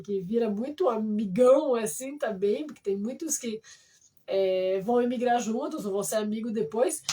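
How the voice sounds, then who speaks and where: A Brazilian woman with a fairly high voice chats on a live stream about teaching French, telling her stories in a lively way. She sits a little back from the microphone, so her voice sounds slightly distant. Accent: Brazilian Portuguese. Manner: lively storyteller who acts out dialogue. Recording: voice somewhat distant from the mic.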